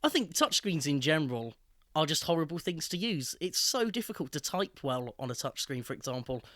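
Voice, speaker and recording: Male co-host, bright-ish higher voice, dry mic, argues points firmly. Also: very animated, no echo. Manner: opinionated, deliberate emphasis. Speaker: podcast co-host. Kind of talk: casual tech chat.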